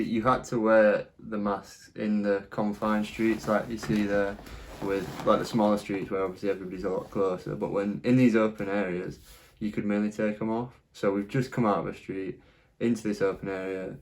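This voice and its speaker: A man's voice: on the low side, darkish tone, poor audio. A young man, bantering with a friend and chiming in while they narrate their trip videos. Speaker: vlog co-host. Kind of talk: casual travel vlog commentary.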